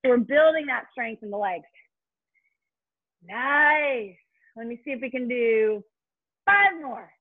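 Her voice high with a breathy edge, a woman hosting a fitness session calls counts and cues like an aerobics instructor, coaching with short, upbeat, encouraging and urging commands. She keeps a measured pace and pauses often. The recording sounds slightly dull and muffled.

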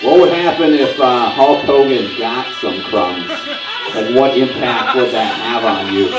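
A young man hosting live comedy banter, asking questions in a halting, deadpan way. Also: medium pitch, loud music behind the voice. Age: young adult. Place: small indoor comedy bar stage. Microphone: handheld mic, heard from far camera. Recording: echoey bar, distant camera, loud background.

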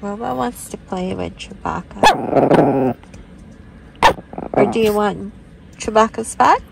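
A woman on her van life vlog, talking gently and coaxingly about and to her dogs. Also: mid-range voice, sing-song, slow, creaky. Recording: loud background noise.

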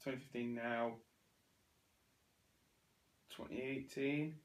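A man's voice: mid-range voice, steady tone, slow. A British teenage man trading casual quiz banter on a sofa indoors. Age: teens. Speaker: challenge participant. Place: living room sofa, indoors. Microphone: camera a short distance away.

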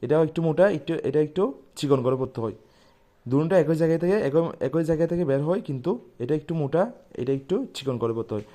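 A man teaching pronunciation, repeating each sound slowly and loudly before explaining calmly. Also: fairly high pitch. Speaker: Quran recitation teacher. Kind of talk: letter-by-letter pronunciation lesson.

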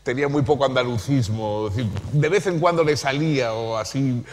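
A man's voice: medium pitch, a little fast, a little hiss or hum. Jovial man on a panel, hall echo. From San Sebastián, Spain. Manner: jovial, repeats words, laughs easily. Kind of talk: live panel conversation. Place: lecture hall at a public event. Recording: hall reverb.

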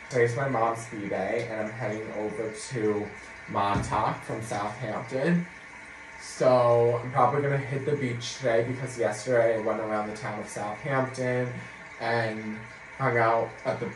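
A young American man in his late teens chatting casually to his vlog in a bubbly, gushing, slangy manner. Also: fairly low pitch. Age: late teens to young adult. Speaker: vlogger. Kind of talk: casual vlog chat to camera. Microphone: phone at arm's length. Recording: noisy phone vlog audio.

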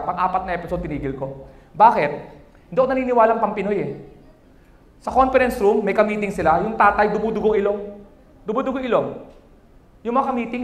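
Male comic, wedding stand-up set, lively and high-pitched, roomy echo. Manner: animated, acts out quoted voices. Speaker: stand-up comedian. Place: wedding reception hall.

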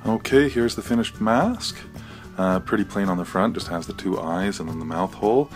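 An American man walks through his DIY project in a casual, hesitant, off-the-cuff and low-key way. He speaks at a normal speed, with soft music playing in the background.

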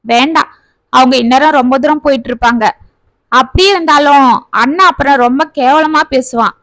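Woman reading as a headstrong young mom, high voice, dry close sound, proud and quick to push back. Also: fairly bright tone, no echo. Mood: anxious. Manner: defiant, anxious. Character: young mother, proud and stubborn.

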